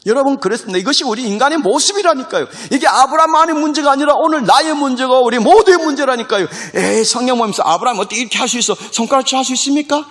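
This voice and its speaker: A man preaching a sermon as pastor, animated, asking rhetorical questions and acting out the voices he quotes. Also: very high-pitched. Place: recorded for a military online worship service.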